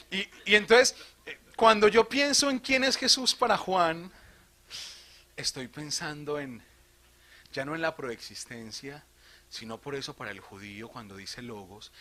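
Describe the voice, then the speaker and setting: A man from Colombia, a priest, giving an animated theology talk to a live audience, asking questions and joking. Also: mid-range voice. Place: retreat hall.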